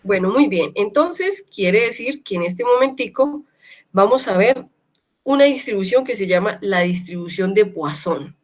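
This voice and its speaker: A woman lecturer teaching an online class, often checking in with her students and slowly repeating key words. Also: mid-range voice, animated. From Colombia. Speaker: university lecturer.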